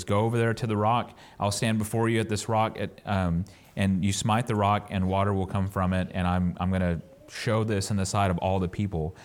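A man with a low voice teaching from scripture in an unhurried sermon. He reads the verses and then explains them plainly. His delivery is halting, and he often doubles up on words mid-sentence. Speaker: Bible teacher. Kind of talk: Bible study sermon.

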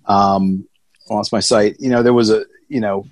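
A middle-aged man with an American accent gives a casual interview in a lowish voice with a slightly rough edge. He rambles informally and uses folksy turns of phrase, recorded close and dry. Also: fairly even intonation, measured pace, no room sound. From Atlanta, Georgia, United States. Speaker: interview guest.

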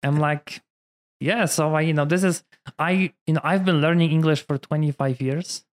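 A Polish priest in his thirties chats in English with a Polish accent, keeping things relaxed and sprinkling in plenty of "you know" fillers. His voice is a little high and his pace moderate.

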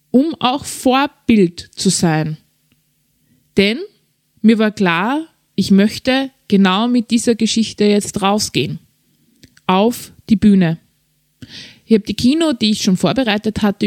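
A middle-aged woman tells a confessional story from her own life. Her voice sits a little high and comes across close and dry, with no room around it. She lingers on key words for emotional weight. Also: darkish tone, no echo. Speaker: podcast host and keynote speaker. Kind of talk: personal storytelling monologue.

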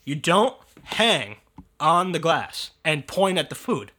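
A man co-hosting a casual chat, rambling and complaining with exasperated, quick bursts. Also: a little high, big pitch swings, pushed and bright. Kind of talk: casual banter.

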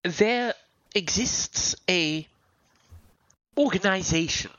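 A woman's voice: on the low side, a bit bright, no room sound, muffled recording. A woman playing a genteel, courteous, easily flustered fantasy adventurer with a mannered, hesitant delivery in a tabletop game. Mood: grave, measured. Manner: mannered, hesitant, dramatic pauses.

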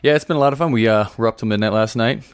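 A young American man with a fairly low voice, recorded dry. He co-hosts a casual podcast, explaining things loosely and informally with slangy, conversational phrasing. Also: very fast, clean tone, no room sound. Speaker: podcast co-host, seminarian.

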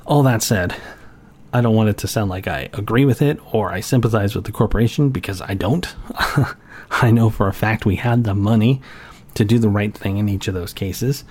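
A man's voice: on the low side, normal speed, darkish tone. A middle-aged man talking in a casual monologue, candid and blunt, chuckling now and then.

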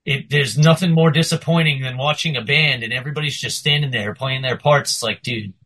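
A man with a bright, forceful voice talks as a podcast guest musician. He rambles and tells stories in a relaxed, chatty way. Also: medium pitch, fairly quick, rough recording. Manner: rambling, animated storytelling. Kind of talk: casual podcast chat.

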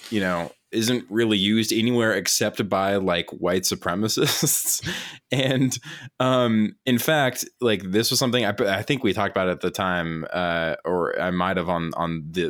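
A man's voice: low-pitched, a bit bright. A man co-hosting a casual podcast, talking loosely with frequent laughs and lots of "dude" and "like". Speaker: podcast co-host. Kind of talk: casual chat.

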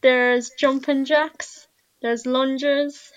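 A woman's voice: high-pitched, little pitch movement, drawn-out words, clear, resonant tone, no echo, muffled recording. A woman with a west of Ireland accent, a podcast guest giving informal explanations in an interview.

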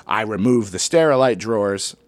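There's no echo as this deep-voiced man, an elementary school teacher, shares a personal story with an audience. His storytelling is animated, shifting between sudden loud bursts and slow dramatic drops in his notably low voice.

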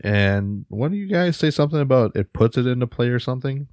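A man's voice: medium pitch, expressive, quick pace, darkish tone, no room sound, studio quality. A man co-hosting a casual podcast chat, joking around and laughing with the others. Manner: jokey, laughs often. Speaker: podcast co-host.

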